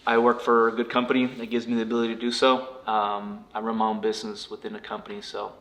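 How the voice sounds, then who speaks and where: A man answering interview questions as a guest in a laid-back, brief, halting way. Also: fairly low pitch, completely flat delivery, fairly bright tone. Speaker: guest, rental property investor.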